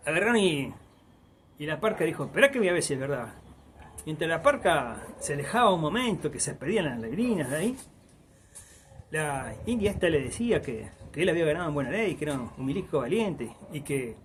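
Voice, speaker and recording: A man's voice: on the high side, a little hiss or hum. An Argentine man telling a folk tale in a rambling oral style, tagging lines with "dice". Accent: Argentine Spanish. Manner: rambling, repeats "dice" often. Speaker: storyteller.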